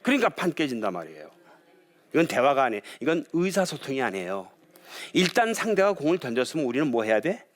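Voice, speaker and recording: A man who is a pastor gives a lively lecture on marriage and conversation, often putting questions to his audience. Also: mid-range voice, quick pace.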